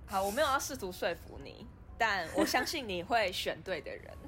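A woman, co-hosting a podcast in casual chat, reacting with giggles and quick quips. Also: medium pitch, animated, music in the background. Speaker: podcast co-host.

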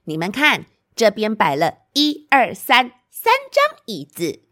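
A woman's voice: mid-range voice, very animated, slow pace, pushed and bright, dry recording, studio quality, heavily acted. A woman voicing an eager antelope who organizes the game in a children's storybook, explaining things in an instructive way.

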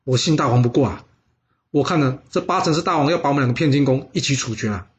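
A man's voice: medium pitch, quick pace, muffled recording, lightly acted. A man voicing a shrewd, urgent young strongman warrior in a storytelling podcast.

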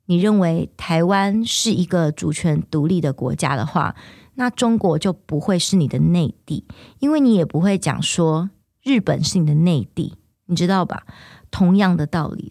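Lady ranting on her podcast, lowish voice, dry close mic. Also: a little mellow, no room sound. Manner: opinionated, rhetorical questions. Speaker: podcast host. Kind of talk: casual opinion commentary.

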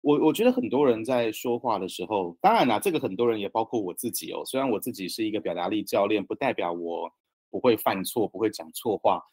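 Male communication coach, raspy, measured delivery, dry close sound. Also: lowish voice, no room sound. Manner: calm, measured explaining. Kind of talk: explaining in a podcast interview.

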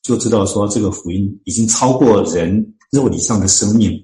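A man, a church deacon and author, explains scripture in an interview, talking earnestly and slowly finding his words with many drawn-out fillers. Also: fairly low pitch, warm tone, roomy sound, poor audio. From Chinese-speaking, living in Canada.

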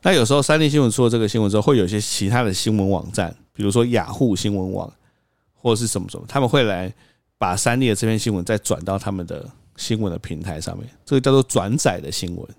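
A man's voice: lowish voice, fast talker, creaky, darkish tone, dry recording, studio quality. A young man telling a workplace story on a podcast, acting out quotes and laughing often. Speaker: podcast host. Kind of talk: casual storytelling chat.

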